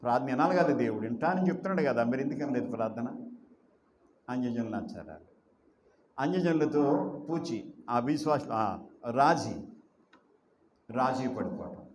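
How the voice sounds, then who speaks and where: A man delivering a sermon, pressing his points with rhetorical questions and slow repeated phrases. His voice rings in a roomy, echoing space with a faint hum of noise behind him, at a middle pitch. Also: expressive. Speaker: pastor.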